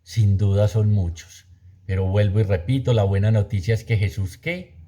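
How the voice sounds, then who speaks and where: A man's voice: on the low side, moderate pace, mellow, slight background noise. A man preaching a sermon, repeating phrases for emphasis and asking the audience rhetorical questions.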